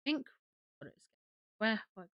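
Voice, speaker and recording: Young female streamer, slightly high and very lively, sniffly with a cold, chatty and gushing. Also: moderate pace, lo-fi sound. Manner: gushing and chatty, greeting viewers, squealing with delight. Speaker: livestream host. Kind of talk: casual livestream chat.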